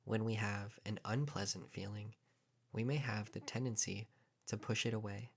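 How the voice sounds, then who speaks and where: This guided meditation comes from a man whose fairly low voice has a creaky quality. He offers short, calm, deliberate phrases, each set apart by a long pause.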